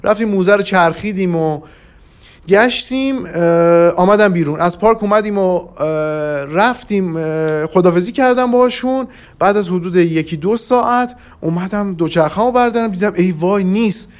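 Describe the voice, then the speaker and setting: Man, slightly high voice, casual rambling storytelling, hesitant fillers, podcast host. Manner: rambling, with frequent hesitations and restarts. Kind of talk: casual first-person travel storytelling.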